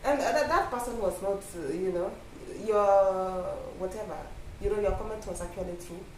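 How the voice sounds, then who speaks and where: A woman's voice: medium pitch, normal speed, a little mellow. A woman from Kenya with a Kenyan accent, chatting casually and reflectively about herself, often adding "you know". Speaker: vlog guest. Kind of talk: casual personal chat. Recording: echoey room, distant mic, faint noise.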